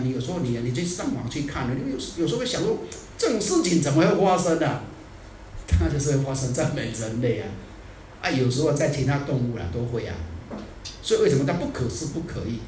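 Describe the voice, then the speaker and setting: A man giving a Buddhist dharma talk in a scolding, animated way, dropping in English phrases now and then. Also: medium pitch, a little hiss or hum. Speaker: Buddhist teacher. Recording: echoey room, distant mic.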